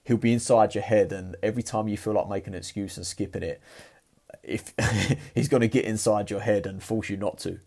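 A man's voice: lowish voice, fairly even intonation, fairly quick, creaky, darkish tone. A man giving a blunt, profane motivational talk in a casual, fired-up way. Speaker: motivational vlogger.

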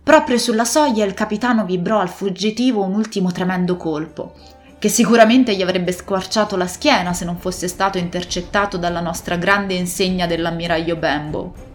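A woman narrating a classic adventure novel as scripted narration, telling the story in a steady, expressive way. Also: on the low side, moderate pace, soft background music. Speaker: audiobook narrator.

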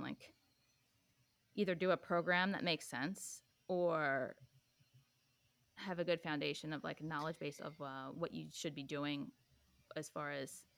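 A young woman with a somewhat low voice chatting as a podcast guest. She rambles loosely and leans on filler words as she explains things. The sound is dry and close, with little room around it. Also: vocal fry, fairly bright tone, no room sound. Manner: rambling, full of "like" and "um". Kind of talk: casual chat.

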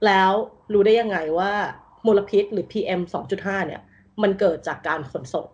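A woman's voice: medium pitch, fairly quick, darkish tone, highs cut off. A woman thinking aloud through a design exercise in casual talk, mixing English terms into her speech, over a video call from home. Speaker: design interview candidate. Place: bedroom at home with a loud roommate. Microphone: computer mic on a video call.

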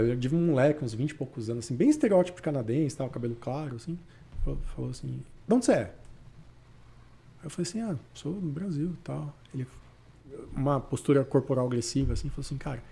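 Male podcast guest, mellow and husky, rapid animated storyteller. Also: a little high. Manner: animated, acts out quoted dialogue. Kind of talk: casual storytelling.

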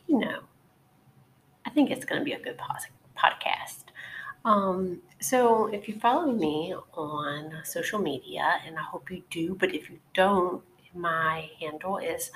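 A woman with a low-leaning, slightly raspy voice, worn down by a cold, hosts her own podcast. She rambles casually with plenty of fillers and restarts. A faint hiss sits under the recording. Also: fairly bright tone, rough recording. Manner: chatty, with many fillers and restarts. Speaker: podcast host. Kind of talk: casual solo podcast talk.

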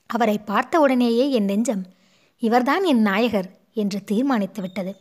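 A woman's voice: fairly high pitch, normal speed, darkish tone, natural voice. A woman voicing a distraught young noblewoman who pleads and sobs with guilt, in a storybook reading. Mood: pleading. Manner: pleading, sobbing between words.

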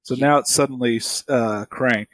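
Male podcast co-host, mid-pitched, casual chat, close dry recording. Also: fairly even intonation, normal speed, a bit bright, no echo, poor audio.

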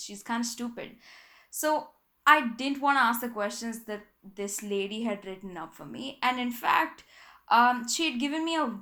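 A young woman hosting a podcast alone, telling a story in a rambling, animated way and often correcting herself. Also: mid-range voice. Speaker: podcast host. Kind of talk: casual solo podcast chat.

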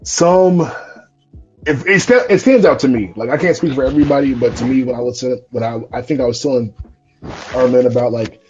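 A man's voice: mid-range voice, fairly quick, darkish tone. A young man from North Carolina hosting a podcast interview, talking casually with many fillers and restarts. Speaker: podcast host. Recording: lo-fi live stream audio with faint music.

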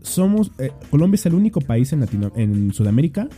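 A Mexican man with a Mexican Spanish accent, telling a story in a relaxed, easygoing way during a casual podcast chat. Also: mid-range voice, fast, soft background music.

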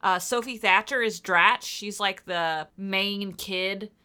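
A woman's voice: medium pitch, slow pace, bright, forceful tone, smooth. A woman co-hosting a podcast in a casual chat, reading out episode details with lots of fillers, in a morning voice. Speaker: podcast co-host.

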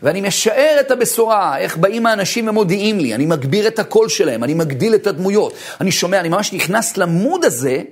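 Man, rabbi teaching a course, gravelly husky voice, highly animated storytelling, slightly high-pitched. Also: few pauses. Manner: expressive storyteller, swings from low murmurs to high bursts; laughs while telling stories. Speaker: rabbi giving a course lecture.

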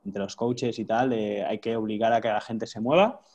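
A man from hosts a casual podcast in a halting way, often repeating his words. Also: fairly low pitch, steady tone, a little mellow. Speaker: host, coach.

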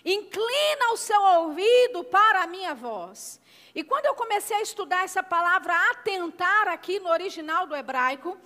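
A woman's voice: very high-pitched, bright, forceful tone. A woman preacher with a Brazilian Portuguese accent, delivering an emphatic sermon and drawing call-and-response from the congregation. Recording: long hall reverb.

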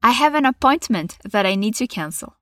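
A Brazilian woman teaching English, saying model phrases slowly for learners to repeat and cheering them on with patience. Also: fairly high pitch, animated, fairly bright tone, no echo. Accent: Brazilian Portuguese. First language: Portuguese. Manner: encouraging and patient. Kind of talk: bilingual English lesson with repetition drills.

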